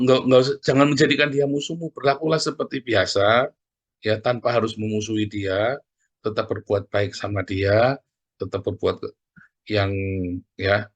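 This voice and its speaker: Animated man preaching casually. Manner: animated, conversational, with jumps in pitch and frequent asides to the congregation. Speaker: pastor. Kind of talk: casual sermon.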